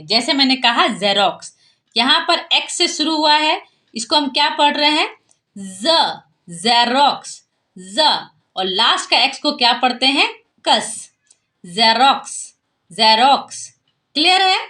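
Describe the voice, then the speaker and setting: A woman teaching phonics sounds in Hindi, stretching and repeating each sound slowly for parents to copy. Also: sits high, pushed and bright. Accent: Indian Hindi. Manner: slow, drawn-out sounds repeated for clarity.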